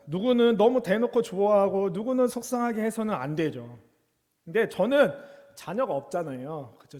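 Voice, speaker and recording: A man's voice: high voice, darkish tone, big-room sound. A young man preaching to children and teens as their youth pastor, in a conversational way that keeps asking them questions. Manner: conversational, asks the kids questions.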